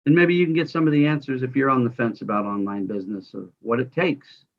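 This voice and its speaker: Man, show host, casual rambling questions, slightly muffled lo-fi audio, mid pitch. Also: fast. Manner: informal, rambling, many fillers. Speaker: podcast host. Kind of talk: casual interview hosting.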